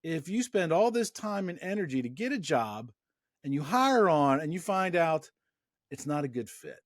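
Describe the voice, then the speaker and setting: A middle-aged man with a fairly high voice, recorded dry and close. He talks as a casual interview host, wandering through anecdotes and restarting his sentences often. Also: sing-song, moderate pace, no echo.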